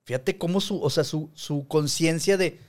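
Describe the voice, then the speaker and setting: A man's voice: a little high, moderate pace. A Mexican man, likely in his forties, chatting casually as a podcast co-host, telling stories with slang and swearing. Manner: relaxed storytelling with slang and swearing. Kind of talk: casual chat.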